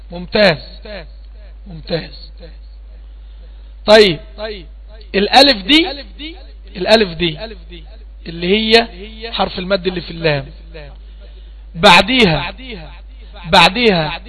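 High-pitched Egyptian man teaching tajweed. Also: sharp tone, poor audio. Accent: Egyptian Arabic. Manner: patient questioning, repeats points slowly. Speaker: Quran recitation teacher. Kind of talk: online tajweed lesson.

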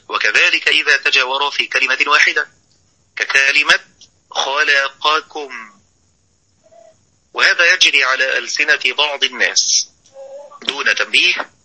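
A man giving a tajweed recitation lesson, explaining each rule deliberately and demonstrating how the sounds should be made. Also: mid-range voice, sharp tone, low-quality recording. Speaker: Quran recitation teacher.

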